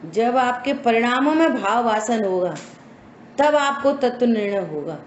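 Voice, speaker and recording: Her lo-fi, slightly hissy or humming recording, made in an echoey room with faint ambience, captures a woman teaching scripture. She sounds on the high side and animated, speaking slowly and emphatically while asking rhetorical questions.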